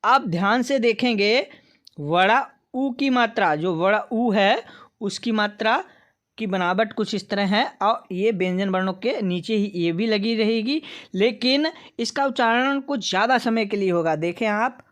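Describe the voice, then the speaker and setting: Patient woman teacher, very slow and measured, sounds out each syllable for beginners. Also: mid-range voice. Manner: patient, addresses viewers as friends. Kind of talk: slow lesson reading syllables aloud.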